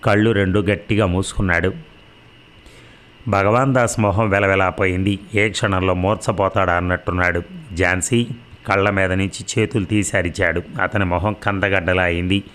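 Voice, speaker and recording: A man narrating a story in a measured, dramatic way. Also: deep voice, fairly even intonation, fairly bright tone.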